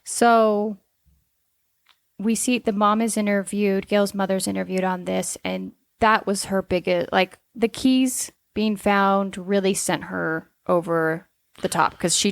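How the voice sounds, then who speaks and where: A woman's voice: medium pitch, creaky, no echo. A woman co-hosting a casual true-crime discussion, speaking in an opinionated, emphatic way. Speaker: podcast co-host.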